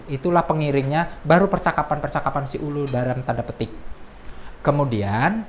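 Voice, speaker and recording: Low-voiced woman teaching a lesson. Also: slight background noise. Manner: explanatory, reads example quotes in a raised voice. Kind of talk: classroom lesson.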